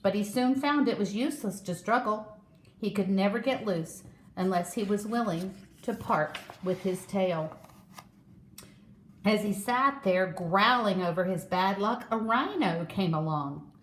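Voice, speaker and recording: A woman reading a children's story aloud in a slow, expressive way. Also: medium pitch. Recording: echoey room.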